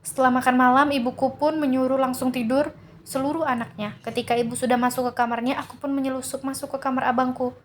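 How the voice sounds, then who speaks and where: Woman narrating a horror story, a bit high. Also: level tone, quick pace, a little hiss or hum.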